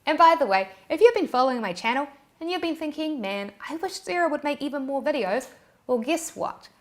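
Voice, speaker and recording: A woman's voice: high voice, animated, fairly quick. A young woman with a New Zealand accent hosting an online tutorial in a cheerful, scripted way, throwing in little cheers. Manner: cheerful, bursts of "yay" and "woohoo".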